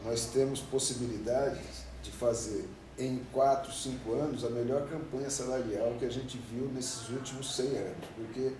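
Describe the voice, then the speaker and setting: Speaking with a Brazilian Portuguese accent, this union president in his fifties answers interview questions at length, rambling emphatically and asking many rhetorical questions. His voice is medium-pitched and steady, moving at a moderate pace with few pauses while a crowd murmurs behind him. The mic sits far off in an echoey room, picking up faint noise.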